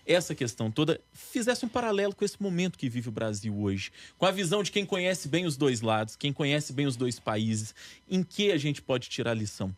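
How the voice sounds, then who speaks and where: Male interviewer asking measured questions. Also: mid-range voice, sing-song, no echo. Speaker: interviewer, host.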